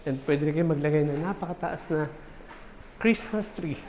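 A man's voice: on the high side, moderate pace, darkish tone. A man in his forties with a Filipino accent, an upbeat real estate host who walks through a house and lists its features, switching between English and Tagalog on a lapel mic. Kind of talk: walking house tour narration. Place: large empty house with bare hard walls. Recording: lingering hall reverb, faint room hiss.

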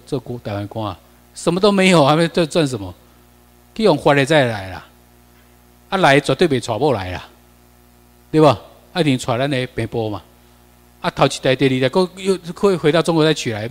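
A Taiwanese-accented man lectures a class over slides and keeps peppering them with questions. His voice sits at a middling pitch. The long reverb of the lecture room trails behind every phrase. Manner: chatty, mixes in Taiwanese Hokkien, asks the class questions.

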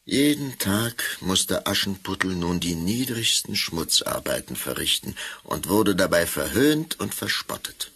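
Guy with doing warm fairy tale telling, really animated, bright forceful voice. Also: sits low, unhurried, creaky, few pauses, slightly rough. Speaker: narrator. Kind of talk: fairy tale narration for an audio drama.

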